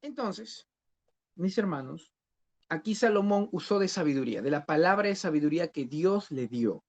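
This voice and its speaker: A man's voice: a little high, animated, moderate pace. A man teaching a discipleship Bible class who questions his students and repeats key phrases. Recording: dull lo-fi recording.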